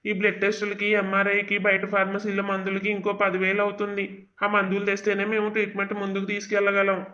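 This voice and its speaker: Heartless by-the-rules doctor, bright tense voice, quick, a bit muffled, cartoon drama. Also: male voice, high voice, monotone. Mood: cold. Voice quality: cold, matter-of-fact. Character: cold unbending hospital doctor.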